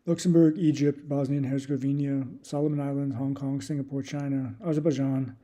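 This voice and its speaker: A YouTube creator with a brisk, mid-range male voice streams casual commentary. He reads a long list off in a steady run, thinking aloud and restarting hesitantly.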